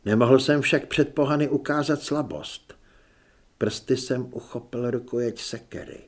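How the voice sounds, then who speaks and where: A man narrating an audiobook in steady storytelling style, with dramatic pauses. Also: medium pitch. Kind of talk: scripted narration.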